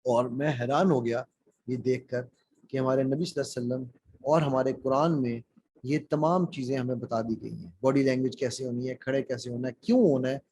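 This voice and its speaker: Over poor audio, a man running an interactive speaking workshop on a call puts questions to his class and mixes in English phrases as he lectures. He is a public speaking trainer with a medium-pitched, mellow, slightly rough voice. He speaks briskly with fairly even intonation.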